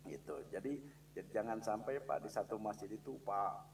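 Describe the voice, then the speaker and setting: A man's voice: lowish voice, expressive, recorded from a distance, a little hiss or hum. A man with a Sundanese accent teaching a religious lesson in a mosque, asking his listeners questions as he goes. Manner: mixes Sundanese into Indonesian, asks listeners questions; chants Quranic verses slowly and loudly as examples.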